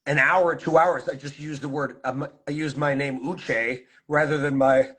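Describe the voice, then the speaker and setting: A man hosting a casual conversation as a play designer, who is hoarse from losing his voice and talks with enthusiasm, musing in what-if questions. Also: on the high side, steady tone, moderate pace, a bit bright.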